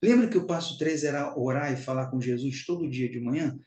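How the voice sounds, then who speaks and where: A man's voice: medium pitch, fairly quick, a little mellow, reverberant, rough recording. A Brazilian man giving a spiritual teaching talk, emphatic and repetitive, calling his listeners brothers and sisters.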